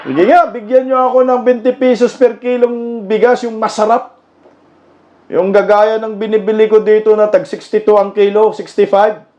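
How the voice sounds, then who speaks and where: High-voiced mocking man. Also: flat delivery, normal speed. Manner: mocking, laughs often, bursts into shouts. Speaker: political commentary vlogger. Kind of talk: casual political commentary. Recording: dull lo-fi with clear background noise.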